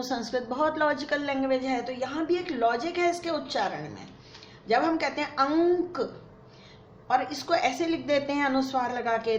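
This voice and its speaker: A woman teaching a Sanskrit lesson, patiently explaining and repeating word forms in drills, dropping English words into her explanations. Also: high-pitched. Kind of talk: classroom lesson at a board. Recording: echoey room, dull lo-fi sound, faint noise.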